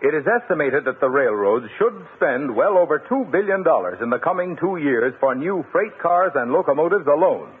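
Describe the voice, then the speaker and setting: A man's voice: on the high side, lively intonation, slightly rough. Man announcing from an old broadcast disc. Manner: formal, measured announcer delivery. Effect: old transcribed broadcast disc sound. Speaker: radio announcer. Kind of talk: scripted radio announcement. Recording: tinny, narrow old radio broadcast.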